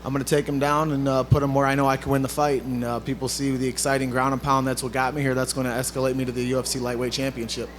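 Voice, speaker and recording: A man gives punchy, self-assured boasts as a fighter at a press conference. His delivery is rapid and level in pitch, with faint room noise behind him. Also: monotone.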